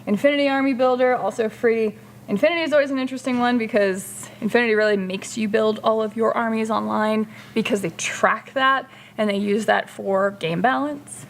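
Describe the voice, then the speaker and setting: A woman's voice: a little high, fairly even intonation, brisk, slight background noise. A woman hosting a casual livestream chat, reading out and answering viewer comments. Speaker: streamer hosting a hobby chat.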